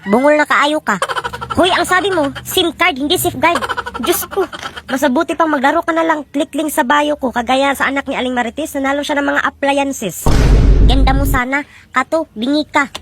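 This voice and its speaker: A woman telling comic skit stories and switching between several characters, loud and shouty in arguments. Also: high voice, normal speed, noisy background. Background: music.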